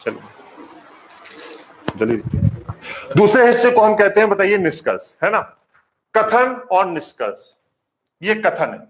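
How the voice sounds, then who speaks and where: A man's voice: high voice, very animated, a little slow, long pauses. A man teaching a live online reasoning class, repeating each point and quizzing his viewers. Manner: warm greetings to viewers. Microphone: marker on whiteboard.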